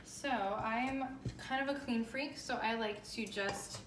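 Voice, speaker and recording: A woman's voice: a little high, slow. A woman giving a casual, chatty home baking demonstration, talking informally and with emphasis as she hosts. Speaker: home baking show host. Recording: roomy echo, distant mic, noisy background.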